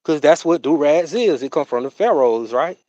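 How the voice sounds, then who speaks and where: A man's voice: fairly high pitch, lively intonation, dark tone, no echo, dull audio. A man, chatting casually on his livestream in a rambling way, full of fillers. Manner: rambling, drawn-out, full of fillers and "you know what I'm saying". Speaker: livestream host.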